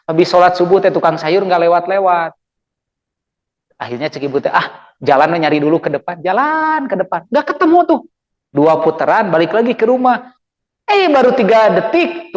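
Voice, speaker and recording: A man preaching with a Sundanese accent, playful and animated, acting out angry quarrels for his audience. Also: sits high, normal speed, muffled recording. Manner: playful, acts out quarrels with shouts and jokes. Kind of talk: lively sermon to women. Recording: reverberant hall.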